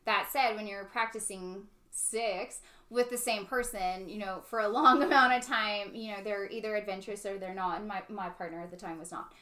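Lively, bright-voiced woman telling stories. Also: medium pitch, moderate pace. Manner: animated storyteller, acts out quotes, laughs often. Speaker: podcast co-host. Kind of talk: candid casual chat.

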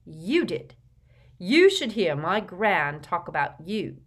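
A woman voicing an earnest, clumsy teenage boy wizard, talking loudly and eagerly. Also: lowish voice, sing-song, slow pace, husky, full character voice.

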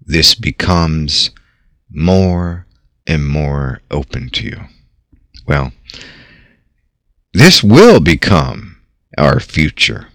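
A man narrating a guided visualization in a measured, theatrical manner with long dramatic pauses. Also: rumbling low, sing-song, no echo, studio quality. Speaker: host. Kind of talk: slow guided visualization narration over music. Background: soft background music.

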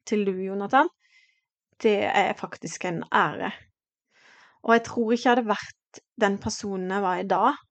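A woman's voice: medium pitch, no room sound. A woman in her forties speaking a heartfelt, reflective personal podcast monologue, with hesitant fillers and restarts. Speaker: podcast host.

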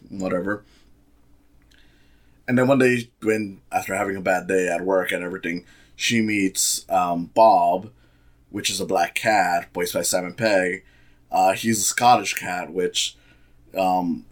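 A man giving a casual, sarcastic movie review, rambling with many fillers and restarts. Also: deep voice. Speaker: film reviewer.

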